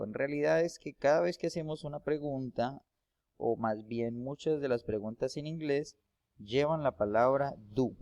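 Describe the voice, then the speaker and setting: Slow, patient man explaining a lesson. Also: medium pitch, darkish tone, no room sound. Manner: slow, patient, repeats and checks with "¿sí?". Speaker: English teacher. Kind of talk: classroom explanation.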